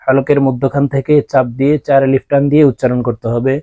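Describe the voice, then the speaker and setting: Calm explanations from this male Quran teacher alternate with slow, drawn-out singing of each Arabic letter as he teaches pronunciation. He has a Bangladeshi Bengali accent and a mid-range voice, recorded without echo.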